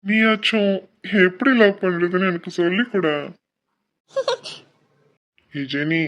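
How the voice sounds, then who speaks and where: A man's voice: sits high, slow, muffled recording. A man voicing a young male college senior in a cartoon, teasing and affectionate. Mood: pleading. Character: young male college senior, playful then tender husband. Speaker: voice actor for a cartoon. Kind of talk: cartoon dialogue.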